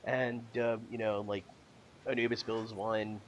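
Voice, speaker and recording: A man's voice: lowish voice, flat delivery, measured pace, highs cut off, a little hiss or hum. A man co-hosting a casual gaming podcast, rambling and hesitant with lots of fillers. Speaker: podcast co-host.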